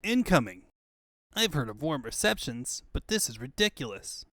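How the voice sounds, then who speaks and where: A man's voice: mid-range voice, sing-song, normal speed, a bit bright, no echo. A man voicing a cocky young male hedgehog hero with quippy, breezy banter in a comic book fandub. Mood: alarmed, quipping.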